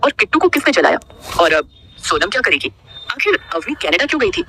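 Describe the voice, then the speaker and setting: A man narrating a romance audio story in a rapid, animated storytelling voice. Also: high-pitched, a little hiss or hum.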